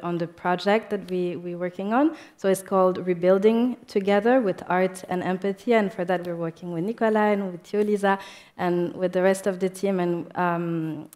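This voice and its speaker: A young woman speaking on a panel about her diaspora organization's work, halting with frequent fillers and restarts. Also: on the low side, a little mellow. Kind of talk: panel discussion remarks.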